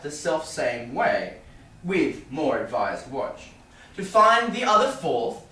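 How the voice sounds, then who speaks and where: A man as slow, swooping Bassanio, very echoey. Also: sharp tone, full character voice. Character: Bassanio, ardent young Venetian gentleman in debt. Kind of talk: Shakespearean staged reading. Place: reverberant room, staged reading. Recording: very echoey room, distant, faint noise.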